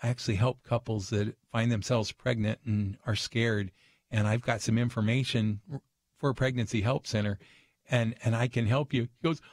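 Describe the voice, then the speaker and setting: Man, radio guest storyteller, earnest and animated, dry close sound. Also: mid-range voice, moderate pace, dry recording. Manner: earnest, animated, acts out voices in his stories.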